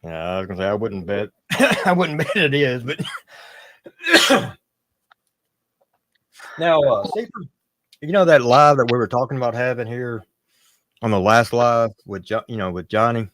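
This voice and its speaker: A man's voice: mid-range voice, expressive, a little slow, pauses often, a bit bright, dry recording. Laid-back man co-hosting a livestream. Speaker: livestream co-host. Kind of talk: casual chat.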